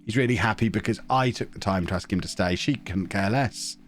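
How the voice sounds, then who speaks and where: A man with a lowish voice talks a little fast on a live stream, chatting casually as he plays a football management game. Slightly blocked up in the nose, he cracks jokes, hums to himself and reads viewers' messages aloud.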